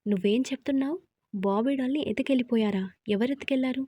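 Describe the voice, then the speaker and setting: A woman's voice: sits high, quick pace, warm tone, no room sound, studio quality, pitched above the performer's own voice. A woman voicing a playful young man who teases and jokes with his friends in a storybook. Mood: alarmed. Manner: joking, teasing. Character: playful teasing young man, fond uncle.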